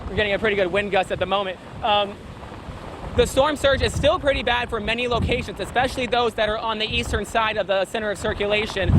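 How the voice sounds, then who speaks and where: A male field reporter with a high-pitched voice delivers live breaking weather coverage. He projects in a raised voice over the wind. The recording is outdoors by a road, with very loud wind noise battering the microphone. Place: outdoors on a roadside in hurricane wind. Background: wind gusts and roaring.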